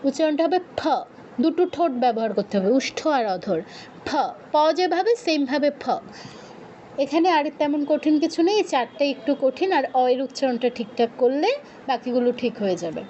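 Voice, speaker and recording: High-voiced woman teaching pronunciation. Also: lively intonation, fairly quick, mellow, dull audio, slight background noise. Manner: patient, corrective, repeats sounds for the student. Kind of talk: online pronunciation lesson.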